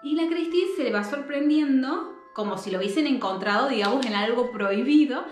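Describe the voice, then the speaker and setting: A woman's voice: high-pitched, lively intonation, a little fast. A woman with a Rioplatense Spanish accent casually retelling a novel in a chatty way, with many fillers and asides to her viewers. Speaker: book narrator. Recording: roomy echo, faint music.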